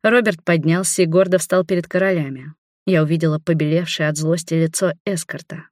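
An audiobook narrator reading a first-person fantasy romance in an even, expressive way. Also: mid-range voice, fairly quick, no room sound, studio quality.

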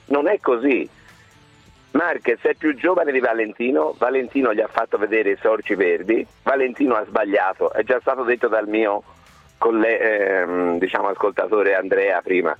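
A man calling a radio show, giving sports opinions insistently and with halting repetitions. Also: fairly low pitch, no room sound. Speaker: radio phone-in caller. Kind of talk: opinionated casual sports talk. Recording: muffled call, faint music.

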